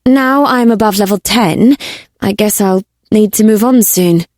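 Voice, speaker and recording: A woman's voice: mid-range voice, a little slow, darkish tone, no room sound, studio quality, close to an everyday voice. A woman voicing a young fae assassin in her twenties in an audiobook, direct and questioning. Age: 20s. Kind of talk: audiobook character voice.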